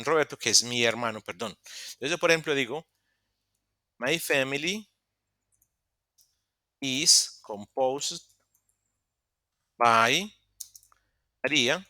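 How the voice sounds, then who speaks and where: A man teaching an English lesson online, explaining step by step with pauses and self-corrections. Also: mid-range voice, bright, forceful tone, no room sound, clean studio sound. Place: online meeting room.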